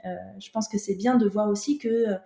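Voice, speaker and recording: A woman interviewing a client for a diet program in a reassuring, informal way, often pausing with fillers. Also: mid-range voice, steady tone, mellow, reverberant.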